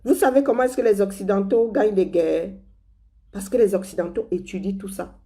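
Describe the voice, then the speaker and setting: A woman from Cameroon speaks with a Cameroonian French accent, her voice pitched at an ordinary middle level for a woman. She delivers political commentary as an animated monologue, sarcastic and scornful in tone. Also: a little fast.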